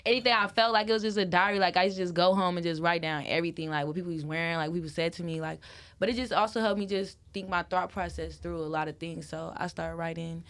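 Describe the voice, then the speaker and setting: Her voice sits on the low side and moves quickly. She's a young Wisconsin woman appearing as a guest in a relaxed interview, chatting in a loose, lively way, leaning heavily on "like" and laughing frequently.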